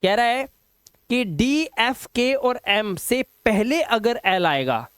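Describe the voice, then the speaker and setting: A man's voice: extremely high pitch, animated, takes it slowly, fairly bright tone, clear, resonant tone, no room sound. Emphatic male English teacher, Indian accent. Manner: emphatic, repeats words and rules, drills pronunciations. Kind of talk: spoken English lesson.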